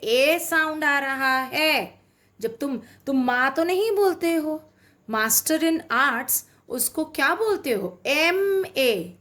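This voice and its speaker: A woman teacher explains grammar, drawing each word out very slowly. Her high voice swoops up and down as she repeats examples. She keeps stopping to check that her students follow. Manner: slow, drawn-out, repeats words and checks understanding. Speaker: English teacher.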